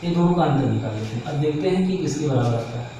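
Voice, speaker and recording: Male math teacher, a touch high, mellow tone, quizzing the class step by step; distant, echoey room sound. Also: quick pace. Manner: steady step-by-step explaining, quizzing the class with rhetorical questions. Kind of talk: blackboard math lesson. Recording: echoey room, voice from far off, faint noise.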